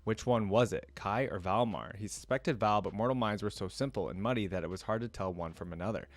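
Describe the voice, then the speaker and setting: Brisk and lowish-voiced, with no echo, a man reads lore aloud for a reaction video and ponders it in casual commentary, musing as he thinks out loud.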